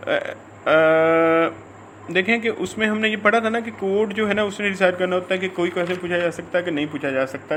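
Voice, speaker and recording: Speaking with a Pakistani accent, this man explains law informally, stumbling and circling back while borrowing English legal terms. His high-sitting voice is a bit bright, over a little hiss or hum.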